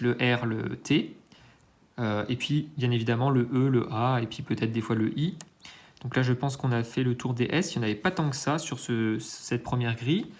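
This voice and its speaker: A man's voice: mid-range voice, slight background noise. A man hosting his own channel, giving hesitant, think-aloud commentary while scratching lottery tickets, with self-mocking asides and lots of filler sounds. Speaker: scratch-card channel host.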